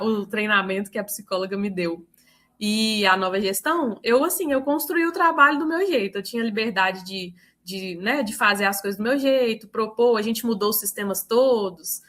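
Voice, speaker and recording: Uma mulher com sotaque mineiro que conta casos do trabalho numa chamada de vídeo, imitando as falas dos outros com animação. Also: female voice, on the high side, normal speed. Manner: animated, quotes herself and others. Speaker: book club participant. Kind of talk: casual storytelling in a video call. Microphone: video call.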